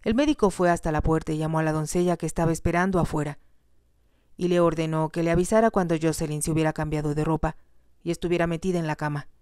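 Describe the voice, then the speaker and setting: A woman narrating a romance novel aloud in a soft, steady reading voice. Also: low voice, fast, clean tone, no echo, studio quality. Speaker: storyteller.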